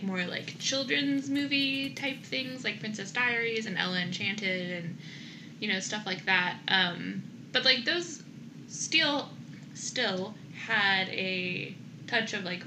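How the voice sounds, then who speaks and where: A woman's voice: medium pitch, background noise. A young woman co-hosting a podcast, chatting casually about a movie with lots of filler words. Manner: chatty, many "like" fillers, laughs often. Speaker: podcast co-host.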